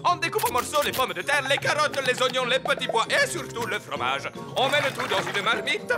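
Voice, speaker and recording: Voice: high voice, big pitch swings, a little fast, music in the background. An actor voicing a self-important talking magic cookbook in a children's cartoon, reciting recipes with pompous instruction. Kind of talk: animated children's cartoon acting.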